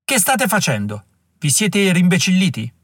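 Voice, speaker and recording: A brutish German militia boss barking threats in a raised, strained voice, as an audiobook narrator puts him on. The tone is husky and dry, close to the mic. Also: male voice, on the high side, expressive, normal speed, no room sound, voice pushed up. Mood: shouting. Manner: shouting, blustering. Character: furious brutish German militia leader, man.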